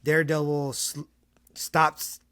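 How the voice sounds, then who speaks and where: A man co-hosting a casual fan podcast, talking fast and excited in slang, often restarting his sentences. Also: a little high, clear, resonant tone, dry recording. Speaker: podcast co-host.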